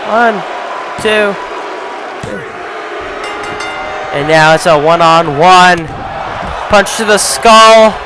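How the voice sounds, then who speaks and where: A man with a high voice calls a wrestling match move by move, often shouting over it. His voice is going hoarse. A loud crowd and game sounds fill the background. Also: background noise. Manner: fast play-by-play, often shouting. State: losing his voice. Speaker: play-by-play commentator. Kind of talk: video game wrestling commentary.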